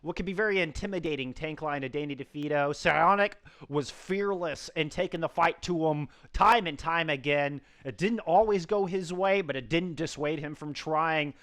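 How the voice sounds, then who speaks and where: A man casting an esports match, bubbling with hype as he breaks down the plays. His voice sits high and bright in pitch for a man. He talks in quick, excited bursts. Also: clean tone. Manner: excitable, hyped, shouts of praise. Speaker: esports co-caster. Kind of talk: esports post-match commentary.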